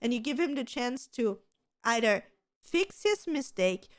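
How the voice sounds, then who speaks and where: This woman co-hosting a laid-back podcast has a fairly high, expressive voice and an unhurried delivery. She gives chatty advice, though a slight stutter leads to many restarts.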